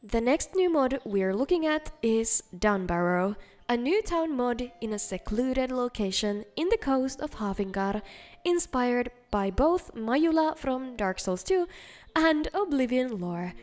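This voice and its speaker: A woman's voice: a little high, expressive, a little slow, darkish tone. A woman reading scripted narration as the host of a video game mod showcase. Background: faint background music.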